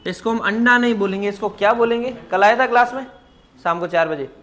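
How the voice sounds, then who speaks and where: A man's voice: high-pitched, fairly quick, a bit bright. A man giving a biology class lecture, quizzing his students with constant questions and calling them "child". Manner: calls students "child" affectionately. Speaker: biology teacher.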